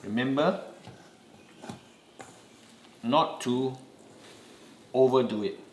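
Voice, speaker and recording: Singaporean man, unhurried cooking lesson, patient repeated tips, roomy kitchen echo. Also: mid-range voice. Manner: slow, patient instructions with repeated reminders. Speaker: home cooking host. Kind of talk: step-by-step cooking demonstration.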